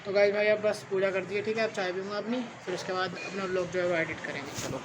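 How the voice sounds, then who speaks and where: A young man narrating his daily vlog at home in a casual, chatty way, filling his talk with "bhai" and "theek hai" and sometimes dropping to a hush. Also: high-pitched, steady tone, quick pace. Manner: drops to a hushed voice at night. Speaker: vlogger. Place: family home and rooftop. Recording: noisy home phone recording.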